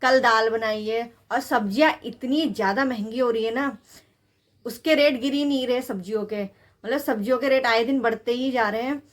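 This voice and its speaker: A young mother films herself in her home kitchen, chatting casually about her day and her little son while she does chores. Her voice is fairly high and her pace moderate.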